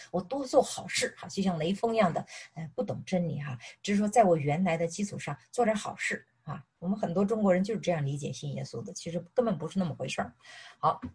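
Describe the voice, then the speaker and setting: A middle-aged woman from mainland China gives an animated sermon, mixing personal testimony with questions to her listeners. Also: lowish voice, breathy edge. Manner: animated, repeatedly asks "是不是". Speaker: preacher.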